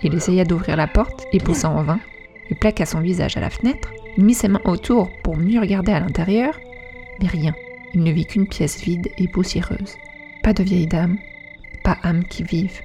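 A woman narrating a story aloud in an even, dramatic telling. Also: lowish voice, normal speed, faint music behind. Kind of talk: storybook reading.

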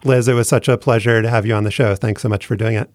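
A man's voice: on the low side, fairly even intonation, quick pace, no room sound, clean studio sound. A man hosting a podcast in a conversational presenting style, with a dryly joking manner. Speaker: podcast host.

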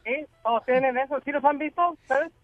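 A man's voice: very high-pitched, brisk, no echo, faint music behind. A man co-hosting a radio show, telling a joke in a rambling, repetitive way. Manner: rambling joke-teller, repeats himself. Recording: tinny phone-like sound.

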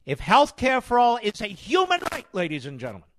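Animated older American man delivering political commentary. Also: high voice, a little fast, slight background noise. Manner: emphatic, rhetorical questions, sarcastic, repeats phrases for effect. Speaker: political talk show host. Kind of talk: impassioned political commentary monologue.

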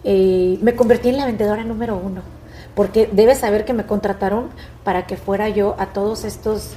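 A middle-aged woman, telling her story as a guest in a conversational interview, in an expressive, animated way. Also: mid-range voice, fairly quick, slight background noise. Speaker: guest, businesswoman.

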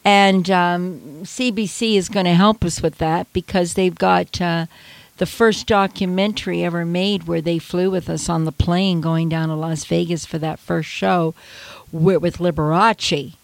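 A woman's voice: fairly low pitch, measured pace, creaky, no echo. An older woman from Canada, a radio interview guest, telling stories with energy and acting out her younger self. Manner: animated storyteller who acts out her past self, laughs often.

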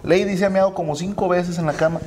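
A man's voice: high voice, steady tone, fast talker, darkish tone. Joking Mexican man with a faint hiss. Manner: joking, storytelling with slang. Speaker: podcast co-host. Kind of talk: casual comedic chat.

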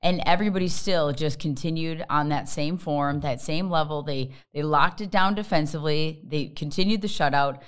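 Low-voiced woman discussing soccer. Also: normal speed, hardly any pauses, smooth. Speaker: podcast co-host and soccer pundit. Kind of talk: casual sports discussion.

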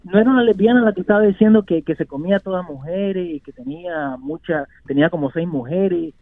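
A man with a fairly high voice calls in and chats in a relaxed way. The line sounds dry and muffled. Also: fast, dry recording. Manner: easygoing, says loco and muchacho. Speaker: caller. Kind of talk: casual call-in chat. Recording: dry, dull phone line.

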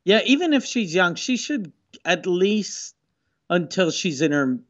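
A man's voice: sits high, big pitch swings, measured pace, a bit bright. Blunt, profane man on a dull line. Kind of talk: casual chat.

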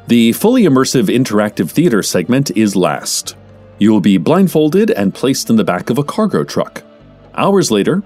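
A man hosting a scripted radio show, narrating with a measured, theatrical deadpan delivery. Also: on the low side.

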